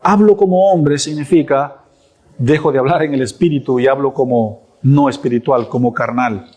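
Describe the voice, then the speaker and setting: A man's voice: mid-range voice, normal speed, a little mellow. A man preaching a sermon as pastor, emphatic, repeating phrases for stress and posing rhetorical questions. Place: church.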